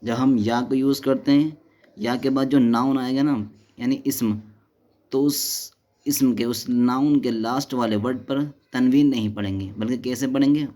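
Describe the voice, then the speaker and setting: A man's voice: mid-range voice, steady tone, warm tone. A man teaching an Arabic grammar lesson, explaining step by step, asking and answering his own questions, mixing in English terms. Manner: mixes Hindi-Urdu with English and Arabic terms; reads English textbook notes slowly.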